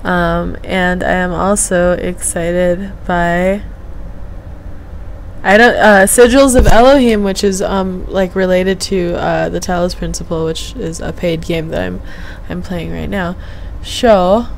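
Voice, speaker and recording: A young woman speaks slowly in a lowish, creaky voice with a steady tone, rambling hesitantly on a game stream. Half muttering to herself into a gaming headset mic from a small room at home, she comes through on poor audio with a little hiss or hum.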